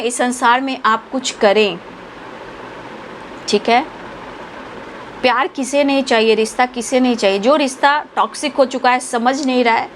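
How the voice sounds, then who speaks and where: A woman's voice: a little high, slight background noise. A woman tarot reader, giving spiritual guidance to her viewers in an earnest, affectionate, preachy way.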